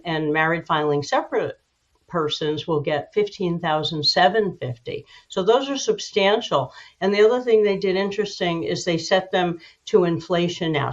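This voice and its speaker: A woman with a lowish voice, interviewed as an expert on a broadcast, explains things in a measured, informative and somewhat halting way. The high frequencies in the audio are cut off.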